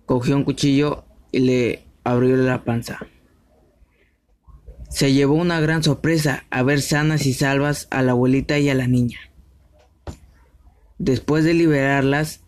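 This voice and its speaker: A man reading a fairy tale aloud as a storyteller, steady and measured. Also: medium pitch, slight background noise.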